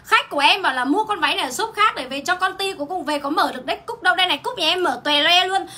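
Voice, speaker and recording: A young woman doing a livestream sales pitch for clothes, chatty and exclaiming often. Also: expressive, rapid-fire, bright, forceful tone. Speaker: online clothing seller. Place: indoor home shop.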